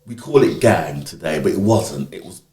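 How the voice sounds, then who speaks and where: A British man in his fifties, a community organiser, tells stories in an interview and animatedly acts out the voices of people he quotes. His voice is low and moderately paced. The echoey room recording has a little hiss or hum.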